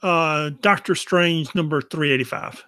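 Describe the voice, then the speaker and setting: A man's voice: a little high, a little slow, bright, forceful tone, clear, resonant tone, no room sound, studio quality. A man co-hosting a comic book podcast, talking casually and with enthusiasm about back issues. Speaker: podcast co-host.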